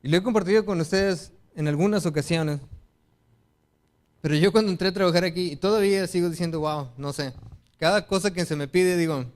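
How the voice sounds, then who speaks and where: High-pitched guy with a mexican accent preaching, earnest, calls everyone brother, acts out little quoted excuses. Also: fairly quick. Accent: Mexican Spanish. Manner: earnest, appeals to the congregation as brothers. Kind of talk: sermon.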